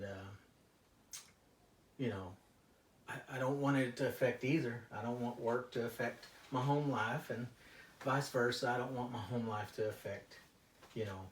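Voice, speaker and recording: A man playing a stressed, frustrated husband and father in a therapy role-play, confessional and halting in his delivery. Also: medium pitch, natural voice. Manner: halting, hesitant, confessional, with frequent trailing phrases. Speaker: therapy client. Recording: echoey room, distant mic, faint noise.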